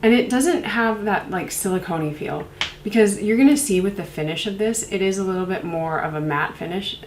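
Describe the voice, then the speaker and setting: A woman's voice: medium pitch, fairly quick, reverberant, a little hiss or hum, low-quality recording. A young woman with a congested voice from a cold, chatting casually and rambling with many fillers as she reviews skincare. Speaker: beauty reviewer. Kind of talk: casual product review vlog.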